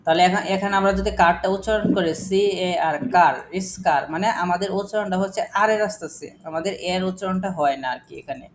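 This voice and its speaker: A man's voice: high-pitched, quick pace, hardly any pauses, slight background noise. A man teaching an English phonics lesson, asking the class questions and repeating examples to drill them.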